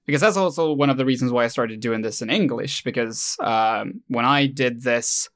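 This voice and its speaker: A man talks through ideas in a relaxed conversation, his voice sitting at an ordinary pitch. He pauses and restarts often as he thinks aloud. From Sweden. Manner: hesitant, self-correcting, thoughtful. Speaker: YouTube creator and host. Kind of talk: casual conversation.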